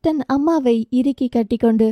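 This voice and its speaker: A woman with a high voice narrates a romance novel audiobook at a moderate pace, reading emotively and giving each character a distinct voice. The recording is dry and muffled.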